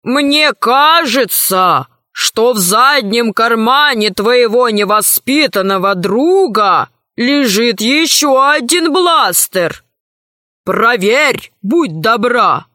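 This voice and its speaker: A woman voicing a talking male dragon in a storybook reading, speaking slowly and politely insistent. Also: fairly high pitch, expressive, bright, forceful tone, dry recording, studio quality, exaggerated voice.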